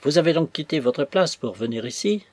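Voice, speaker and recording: A man putting on a scornful, domineering master from a storybook, mocking and threatening, suddenly louder on his warnings. The voice is husky over a dry, close sound. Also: fairly high pitch, expressive, fairly quick, dry recording. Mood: menacing, mocking. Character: sly menacing male master, scornful and domineering.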